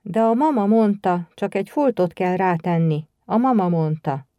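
A woman's voice: mid-range voice, warm tone, dry recording, clean studio sound, close to an everyday voice. A woman voicing a shabby little boy who speaks unsure and pleading. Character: shabby timid young boy.

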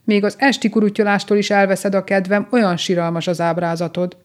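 A woman voicing a jolly old toad in a storybook reading, croaky and unpleasant-sounding, teasing and chuckling as it talks. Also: medium pitch, little pitch movement, voice pushed up, natural voice. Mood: scolding. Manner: mocking, chuckling.

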